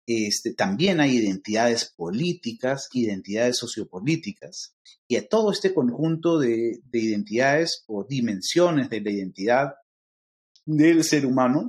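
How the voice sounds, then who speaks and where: A middle-aged man from Lima with a Peruvian accent, explaining ideas to a podcast host in a lecturing way, with frequent fillers like "este". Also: medium pitch. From Peru. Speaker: guest expert on interculturality.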